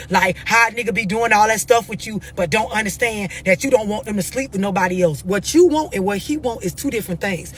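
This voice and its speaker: Speaking in a mid-range, slightly bright voice, an American live-stream host offers her followers blunt relationship advice off the cuff. She is confrontational and emphatic, pushing her questions insistently, and the audio carries a little hiss or hum.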